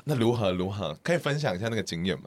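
A woman's voice: a bass voice, expressive, racing, a little mellow. A woman with a Taiwanese accent hosting casual banter, asking inquisitive, cheeky questions.

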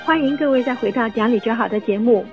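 A woman with a Taiwanese Mandarin accent talks quickly in a fairly high voice. She explains things emphatically and conversationally, as a radio host does. The sound is thin and phone-like with a roomy echo. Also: music in the background. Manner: emphatic, explanatory, ends phrases with tag questions and particles. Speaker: radio show host and commentator. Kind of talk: conversational radio discussion with anecdotes.

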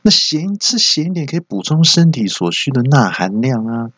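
A man voicing a bossy, stubborn middle-aged mother in a comedy bit, shrill and insistent. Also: big pitch swings, moderate pace, a bit bright, husky, no room sound, highs cut off.

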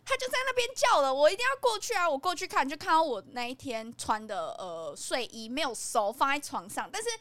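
A woman's voice: high-pitched, very animated, fairly quick, few pauses, fairly bright tone, no echo. A woman with a Taiwanese Mandarin accent, co-hosting a casual podcast chat and telling a story animatedly, acting out the lines she quotes. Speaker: podcast co-host.

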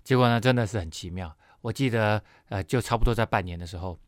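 A man preaching, telling a personal testimony in an expressive, emotional storytelling way with many fillers. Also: on the low side, quick pace, no echo, studio quality. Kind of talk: sermon testimony.

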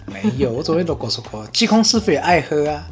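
Wry Taiwanese man with lively voice. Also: on the high side, fast, soft background music. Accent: Taiwanese Mandarin. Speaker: guest, the host's husband. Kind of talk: casual chat.

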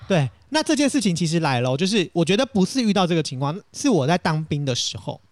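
Fast, lively young Taiwanese man. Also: on the high side, dry recording. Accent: Taiwanese Mandarin. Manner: animated, self-dramatizing, laughs while telling. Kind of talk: casual storytelling chat.

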